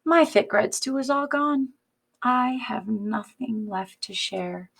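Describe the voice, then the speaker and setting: A woman voicing a kindly, generous female home cook from a storybook in a gentle, expressive, drawn-out way. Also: a little high, gravelly, pitched above the performer's own voice, exaggerated voice. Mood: sad, sighing. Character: kindly, generous woman who cooks stew for neighbors.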